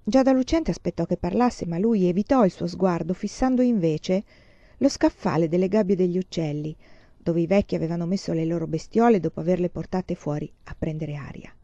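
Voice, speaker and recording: A woman reading a novel aloud in a measured, expressive way. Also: lowish voice, no room sound, lo-fi sound. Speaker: reader. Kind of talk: storybook reading.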